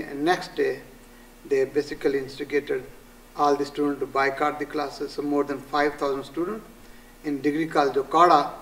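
An older man with a Pakistani accent answers interview questions in an earnest, halting way, stopping often on "uh" as he quotes sources. His pitch sits in the middle for a man. He is a little distant from the camera mic in a small studio room. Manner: earnest, halting with frequent "uh" pauses, quoting scripture. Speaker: pastor, guest.

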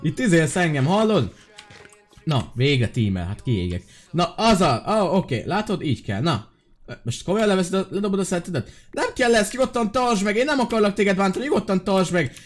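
Excitable high-voiced male gamer. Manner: excitable and playful, talks to viewers. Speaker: gaming video host. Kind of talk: casual game commentary.

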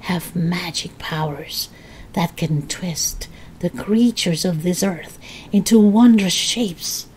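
A woman's voice: fairly low pitch, takes it slowly, darkish tone, slight background noise, low-quality recording. A woman voicing a sinister old grandmother who talks with relish in a throaty, creeping whisper. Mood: whispered menace.

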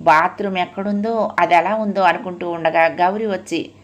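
A woman narrating a novel aloud as an audiobook, in a steady, even storytelling manner. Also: fairly low pitch, moderate pace.

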